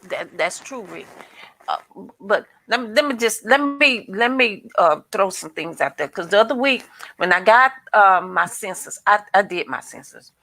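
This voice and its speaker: A woman's voice: medium pitch, animated, pushed and bright, no echo, poor audio. A woman speaking thoughtfully in a casual discussion, often restarting her sentences. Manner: thoughtful, halting, with many restarts.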